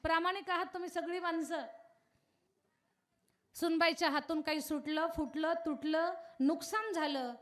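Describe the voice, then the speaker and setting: A woman preaching a devotional kirtan sermon, telling a story and putting questions straight to her audience in an animated way. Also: very high voice, moderate pace.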